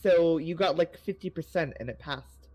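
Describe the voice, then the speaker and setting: A woman from Canada, a player in a tabletop game, chatting in a lively, talkative way. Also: sits low, normal speed. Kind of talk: casual chat.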